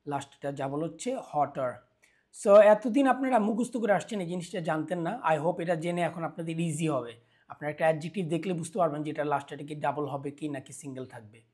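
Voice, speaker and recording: A man teaching English grammar, switching between Bengali and English and slowing down to spell out English example phrases. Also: a little high, darkish tone. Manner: slow, deliberate pace on English example phrases; asks questions and answers them himself. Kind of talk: explanatory lesson.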